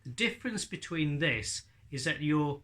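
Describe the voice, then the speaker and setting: A man's voice: a little high, expressive, measured pace, fairly bright tone. A man in his forties giving an informal spoken tutorial, explaining and demonstrating speech sounds as a ventriloquism teacher. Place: living room with bookshelves and leather sofa.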